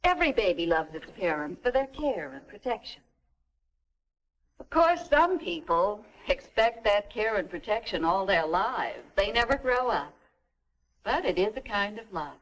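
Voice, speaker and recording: A wise, middle-aged American mother in a 1950s educational film. Her voice swings melodically as she patiently explains, with measured, stagy diction and a gentle temper. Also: mid-range voice, lively intonation, highs cut off. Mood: gently instructive.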